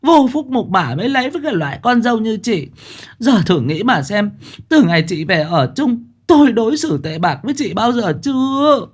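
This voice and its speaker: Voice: medium pitch, very animated, voice pushed up. A storyteller voicing a domineering elderly mother-in-law who berates her daughter-in-law in a shrieking tirade. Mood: furious. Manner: shrieking, rapid-fire tirade.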